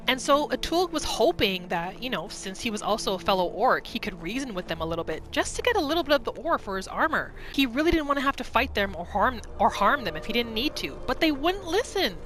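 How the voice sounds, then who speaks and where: Very animated and quick, her voice a little high and a bit bright, a woman narrates her roleplay playthrough on a gaming video she hosts, with faint music behind her. She tells the story in the third person, chatty and informal.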